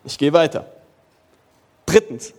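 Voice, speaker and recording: A young man preaching a sermon in a casual, youthful way, dropping in English slang and moving between lively bursts and soft, slow passages. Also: on the high side. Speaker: pastor.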